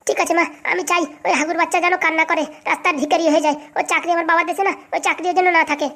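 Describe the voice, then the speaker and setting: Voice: very high-pitched, little pitch movement, racing, pushed and bright, heavily acted. A whiny cartoon young wife. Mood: aggrieved. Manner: whining, complaining. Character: whiny tearful young married daughter. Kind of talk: cartoon voice acting.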